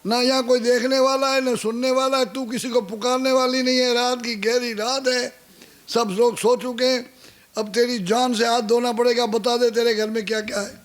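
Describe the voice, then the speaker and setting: A rough, menacing thief who talks bluntly and coarsely, as a male preacher voices him. The voice sits very high for a man. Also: little pitch movement, normal speed. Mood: threatening.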